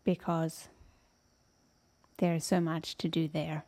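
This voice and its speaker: A woman in relaxed casual chat who asks questions and laughs often. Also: low-pitched, slow.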